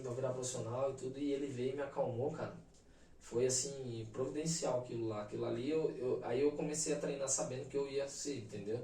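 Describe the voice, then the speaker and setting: A Brazilian man in his thirties, a podcast guest, telling a personal story in an animated, emphatic way full of slang fillers. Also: mid-range voice, a little hiss or hum. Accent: Brazilian Portuguese. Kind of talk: casual storytelling. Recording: roomy echo, mic at a distance.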